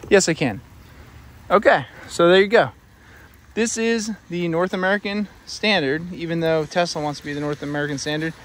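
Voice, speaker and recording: Filming from his car at night and later at a rainy outdoor charging station, a twenty-something vlogger explains things casually along his road trip. He speaks at a moderate pace in a voice that's a little high.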